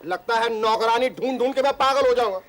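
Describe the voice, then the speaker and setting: An actor playing a harried husband in a sitcom, complaining and cracking punning jokes. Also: male voice, very high voice, quick pace, fairly bright tone. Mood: exasperated. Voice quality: wisecracking, punning patter. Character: harried comic husband hunting for a maid. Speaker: sitcom character. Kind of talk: sitcom acting. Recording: sitcom audio with hiss.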